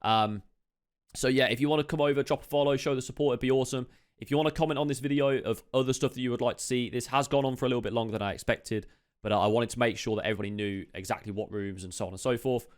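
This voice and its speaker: With a clear, resonant, mid-range voice and fairly even intonation, a game streamer walks viewers through where to find loot. He's chatty and upbeat, full of quick asides, and slightly chesty, coughing on occasion.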